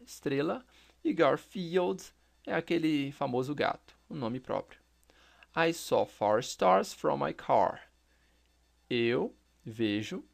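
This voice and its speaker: A man teaching an English lesson, slow and deliberate, repeating example phrases so learners can follow. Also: medium pitch, gravelly. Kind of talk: recorded language lesson.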